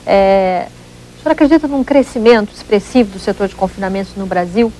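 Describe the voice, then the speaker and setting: A woman's voice: medium pitch, expressive, fairly quick, mellow, slight background noise, poor audio. A Brazilian woman hosting a TV interview, politely framing questions and moving the program along. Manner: polite, frames questions, brief agreement cues. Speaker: TV interview host.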